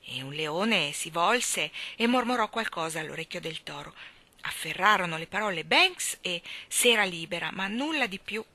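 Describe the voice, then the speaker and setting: A woman reading a children's novel aloud, expressive and shifting between character voices. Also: lowish voice, normal speed. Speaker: audiobook reader. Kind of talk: storybook reading.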